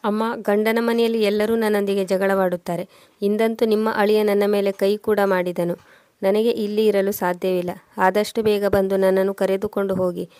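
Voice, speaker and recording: A woman voicing a sharp-tongued, defiant young wife in a storybook reading, with a scolding manner. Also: medium pitch, level tone, moderate pace, dry recording, studio quality, close to an everyday voice. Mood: complaining.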